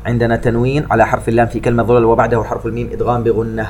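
A man teaching Quran recitation rules, drawing out each verse slowly and melodically, then explaining the rules in a brisk lesson voice. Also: medium pitch, flat delivery, darkish tone, a little hiss or hum. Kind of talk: tajweed lesson alternating slow recitation and explanation.

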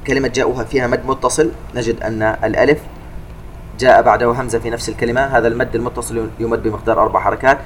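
A man giving a tajweed lesson, calmly explaining recitation rules between slow chanted verses. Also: medium pitch, slight background noise. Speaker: Quran recitation teacher.

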